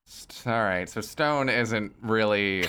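A man playing a tabletop game, talking in a dry, deadpan, blunt way. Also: lowish voice, takes it slowly, slight background noise. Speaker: player. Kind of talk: casual tabletop game chat.

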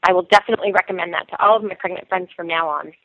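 A woman's voice: on the low side, fairly even intonation, very fast, fairly bright tone, dry recording. A woman from Colorado leaving an enthusiastic voice message for a show. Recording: tinny phone-line message.

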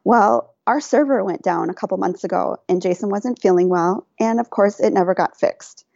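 Woman, podcast guest, animated storytelling, warm dark tone, dry muffled recording. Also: medium pitch, moderate pace, vocal fry, dry recording. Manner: animated, laughs often, quotes herself and others. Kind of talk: casual storytelling.

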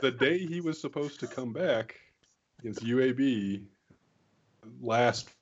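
A man co-hosting a casual sports chat, his voice coming through slowed down and deep as if in slow motion, halting with fillers. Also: lively intonation, highs cut off, a little hiss or hum. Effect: his audio sounds slowed down and deep, like slow motion. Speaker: podcast co-host.

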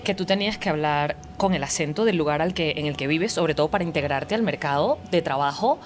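A woman's voice: deep voice, fairly quick, faint music behind. Chatty Venezuelan woman co-hosting. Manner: chatty, asks guest questions. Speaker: podcast co-host. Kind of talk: casual podcast chat.

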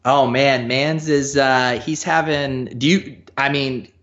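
A man chatting as a podcast guest, loose and easygoing, with frequent "you know"s. His voice sits at a middle pitch. The recording sounds a little dull and lo-fi. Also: slow pace. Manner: relaxed, loose, lots of you-knows. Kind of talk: casual podcast chat.

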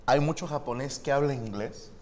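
A man's voice: medium pitch, moderate pace, a crowd in the background. A man with a Mexican Spanish accent hosting a podcast in casual chat, joking and teasing his guests with crude slang. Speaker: podcast host.

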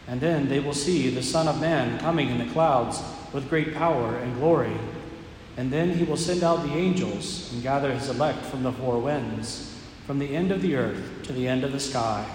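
A man serving as priest, reading scripture, giving parish announcements and preaching in a measured, unhurried way with some "uh" fillers, in a large church with a cathedral-like echo. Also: fairly high pitch. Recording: echoey church with long reverb, faint room hum.

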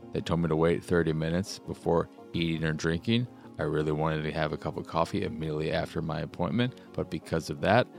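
Deep gravelly man hosting a podcast. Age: 30s. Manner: loose, rambling and crude, with playful silly voices. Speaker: podcast host. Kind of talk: casual solo podcast chat.

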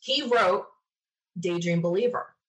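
A middle-aged woman, interviewed as a podcast guest, tells stories casually in an opinionated, emphatic style. Her voice is on the low side and fairly bright, and she speaks a little slowly.

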